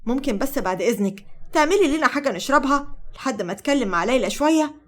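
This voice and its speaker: A woman voices an older Egyptian mother-in-law in a narrated story. She coaxes in a sugary, fond tone, talking fast and a touch high. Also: animated. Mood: sweet. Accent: Egyptian Arabic.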